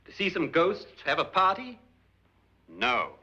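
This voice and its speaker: Stern, accusing doctor, deliberate and logical, forceful medium-pitched voice, dull vintage film audio. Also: male voice, wildly swooping pitch, husky, exaggerated voice. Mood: grave. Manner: deliberate, interrogating. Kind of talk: vintage suspense film acting. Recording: dull old film soundtrack.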